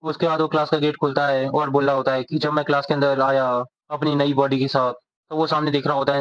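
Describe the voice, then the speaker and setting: A man narrating a comic's plot as a rapid storytelling recap, voicing each character. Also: fairly high pitch, no room sound. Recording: dull, dry lo-fi recording.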